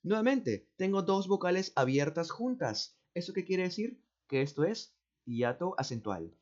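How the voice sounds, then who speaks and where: Man teaching slowly with a Peruvian accent. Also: high-pitched, sing-song, darkish tone. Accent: Peruvian Spanish. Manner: slow, repeats words, asks "¿no?" and "¿cierto?" often. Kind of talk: explaining exam answers step by step. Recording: dull, muffled audio.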